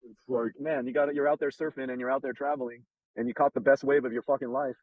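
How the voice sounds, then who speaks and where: A man's voice: mid-range voice, steady tone, fast, dry recording, narrow, tinny audio. A man hosting a casual advice chat, blunt, profane and streetwise, talking from a car. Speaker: host giving dating advice.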